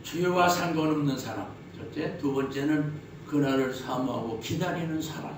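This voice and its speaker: Preaching at a moderate pace with a fairly high voice, this Chungcheong pastor mixes joking anecdotes with a stream of rhetorical questions. The recording catches him from afar in a heavily reverberant hall, faint noise lingering behind.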